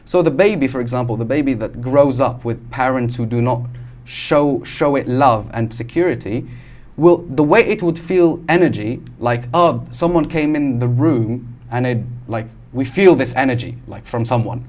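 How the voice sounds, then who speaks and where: A man's voice: mid-range voice, moderate pace, a little mellow. A man from Algeria, a podcast guest, explaining ideas in casual conversation with many fillers and restarts.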